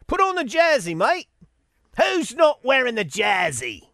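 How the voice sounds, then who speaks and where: A man's voice: very high voice, huge pitch swings, a little slow, a bit bright, no room sound, studio quality, full character voice. A man putting on a to voice a bossy man who demands that everyone wear a jersey. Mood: mocking. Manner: mocking, exaggerated.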